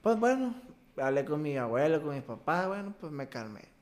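A young man from Mexico, his voice sitting a little high for a man, talks through a personal memory in a halting, emotional way, breaking off and starting over. He sounds like a podcast guest sharing his story in a casual interview. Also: very animated, a little mellow. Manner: emotional, halting retelling with many restarts. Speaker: guest, baseball player.

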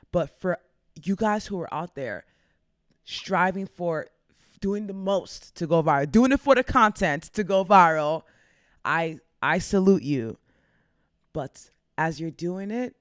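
A woman's voice: low-pitched, no echo, studio quality. A woman content creator giving casual, upbeat advice in a chatty way, laughing often.

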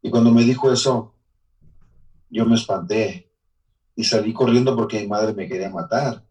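A man's voice: lowish voice, normal speed, a little mellow, recorded from a distance, rough recording. A man from Mexico with a Mexican accent, telling his life story in an interview in an earnest, emotional way, sometimes restarting his sentences. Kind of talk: personal life testimony.

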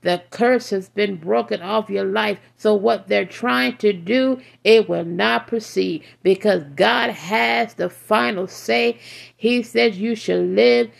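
A woman's voice: medium pitch, takes it slowly, creaky, few pauses. A woman preaching an impassioned prophetic sermon like a doomsday street preacher, exhorting and repeating phrases insistently for emphasis.

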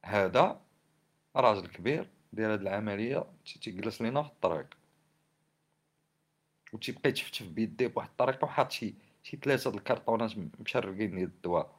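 Speaking fast with a fairly low, animated voice and frequent pauses, a man with a Moroccan Arabic accent delivers impassioned commentary on society and government. His tone is indignant and scolding, and he fires off one rhetorical question after another.

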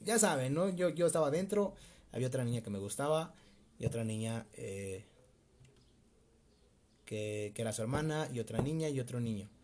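A young man with a Mexico City accent, telling a personal story in a casual, slangy, animated way with bits of laughter. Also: mid-range voice, moderate pace, pauses often. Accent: Mexico City Spanish. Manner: slangy, laughing, animated retelling with quoted voices. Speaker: vlogger.

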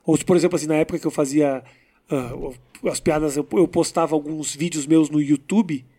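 A man, a comedian, chatting in a casual interview, talking slowly and deliberately with pauses. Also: fairly high pitch, fairly even intonation, mellow.

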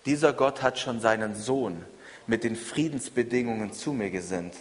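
Earnest male preacher in a reverberant hall. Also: mid-range voice. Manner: earnest, measured preaching with repeated phrases. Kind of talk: sermon.

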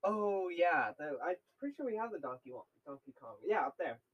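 A man's voice: a little high, very animated, brisk, dull audio. A young man co-hosting a casual podcast chat, rambling with lots of fillers and laughs. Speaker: podcast co-host.

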